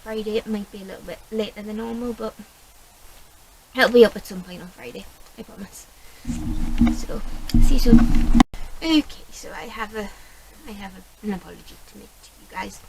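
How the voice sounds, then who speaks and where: A woman's voice: medium pitch, normal speed, noisy background. A woman with a Geordie accent chatting casually to camera about books, rambling and correcting herself as she goes. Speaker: book vlogger.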